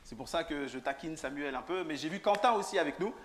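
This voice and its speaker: Lay preacher, man, fairly high voice, playful teasing delivery with questions to the room, faint background hiss. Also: lively intonation, fast. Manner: joking, teasing, questions the audience. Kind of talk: informal sermon to a congregation. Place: church hall.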